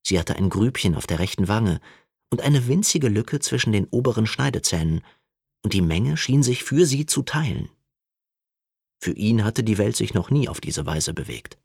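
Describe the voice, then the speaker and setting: A low-voiced man narrates an audiobook, his pitch moving widely and expressively through the sentences. The recording is close and dry, with no room sound. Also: big pitch swings, moderate pace, creaky, a little mellow, husky, no room sound. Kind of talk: scripted narration.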